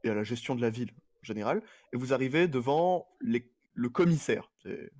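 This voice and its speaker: A man running a tabletop role-playing game, narrating and voicing dialogue in a halting, improvised way. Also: medium pitch, expressive, a little mellow. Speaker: game master.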